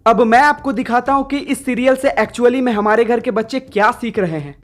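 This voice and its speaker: A woman's voice: a little high, brisk, heavy background noise. A woman hosting a scripted comic roast, speaking with crude, slangy, exasperated sarcasm. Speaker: roast video host.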